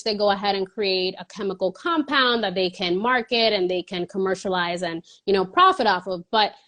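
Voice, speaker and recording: A woman's voice: medium pitch, a bit bright. A woman in her thirties from the Dominican Republic, a guest in an interview, answering at length in an earnest way with small laughs between phrases.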